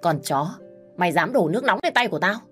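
A woman voicing a hot-tempered, spiteful sister-in-law who sneers and shouts insults in a storybook reading. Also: fairly low pitch, expressive, brisk, husky, faint music behind. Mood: screaming.

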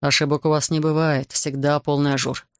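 A man's voice: on the high side, little pitch movement, fairly quick, no room sound, clean studio sound, natural voice. A man reading as a blunt, sarcastic ex-soldier. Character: curt, sarcastic former soldier and fisherman, a man.

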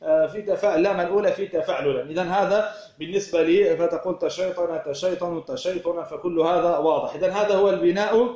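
A man with a high voice teaches grammar patterns, asking questions and answering them himself while he repeats each key form. The sound is dull and muffled and rings in a roomy space. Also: fast talker, warm tone. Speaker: teacher of Arabic morphology. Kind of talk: explaining a verse text line by line.

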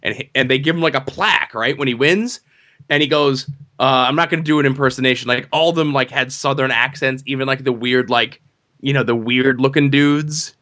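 Bright-voiced man telling a rambling story. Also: medium pitch, moderate pace. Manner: rambling, full of "like" and "right?", slips into mock announcer voices. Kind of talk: casual comedic storytelling.

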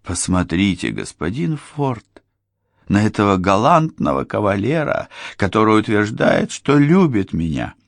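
A man reading an audiobook voices a proud young woman painter with cold, cutting replies, a bit higher than his own low, gravelly voice. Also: sing-song, measured pace, no echo, studio quality, heavily acted. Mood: scornful. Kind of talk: audiobook character voice.

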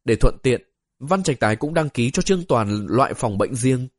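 A man reads a story aloud at a middle pitch, steady and even. His voice is close and dry, with no room sound at all. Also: normal speed, no room sound. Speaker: audiobook narrator. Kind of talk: storybook narration.

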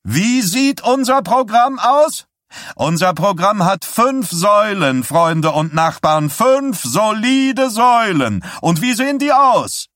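A roaring candidate, high revival-preacher singsong, bellowing to a crowd, dry close sound, audiobook voice. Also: male voice, sing-song, takes it slowly, a bit bright, no room sound, heavily acted. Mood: bellowing rally. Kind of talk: audiobook character voice.

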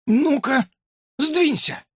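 A man voicing a crude, excitable teenage boy, squealing in a loud falsetto. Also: extremely slow, no room sound, clean studio sound, exaggerated voice. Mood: excited. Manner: shrill falsetto, loud and boisterous.

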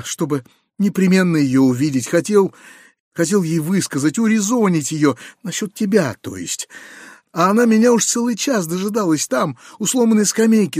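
A man reading an audiobook, voicing an anxious, kindly middle-aged uncle who confides in hushed, lowered tones with hurried outbursts. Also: breathy edge, no room sound, clean studio sound.

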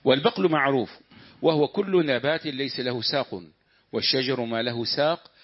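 A man reading a classical text aloud in a lesson, at a measured pace with pauses for the teacher's remarks. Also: medium pitch. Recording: dull lo-fi lesson recording.

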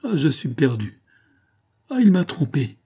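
Distraught young peasant girl, high and tearful, as a male narrator puts her on. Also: sing-song, a little slow, mellow, breathy edge, full character voice. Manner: emotional, tearful.

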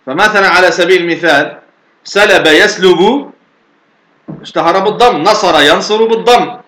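High-voiced man teaching in an echoey room. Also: fast talker, pushed and bright. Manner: asks the class questions and answers them himself, drawing out example words. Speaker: teacher of Arabic morphology. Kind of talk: lecture explaining a grammar poem.

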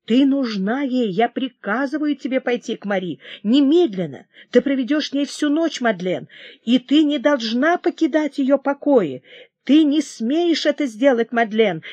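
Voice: medium pitch, very animated, unhurried, slightly rough, no room sound, highs cut off, pitched above the performer's own voice. A reader doing an agitated, feverish young king. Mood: commanding. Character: troubled, erratic young male king. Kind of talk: audiobook character reading.

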